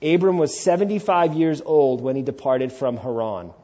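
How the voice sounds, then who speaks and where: An expressive man in his forties, warm-toned and mid-range, preaches at a moderate pace on lo-fi audio. His sermon is emphatic and casual, with rhetorical questions, acted-out quotes and chatty asides.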